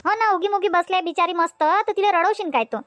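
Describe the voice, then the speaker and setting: Woman as very high cartoon village aunt, Varhadi, chatty. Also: fast, a bit bright, no room sound. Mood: soothing. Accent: Varhadi Marathi. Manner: soothing, gossipy, repeats "हा". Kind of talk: cartoon comedy voice acting.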